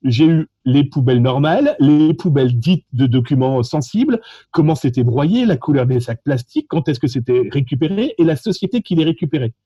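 A man from France with a French accent, telling stories animatedly in a lively, joking way about his contest calls. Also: fairly high pitch, fairly quick, slightly rough, no room sound, highs cut off. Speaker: social engineering contest participant. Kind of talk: animated conversational storytelling.

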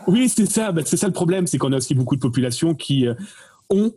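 A man's voice: fairly high pitch, animated, fast talker, dark tone, breathy edge. A man explaining a story in casual chat, digressive with frequent fillers and restarts. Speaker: guest expert.

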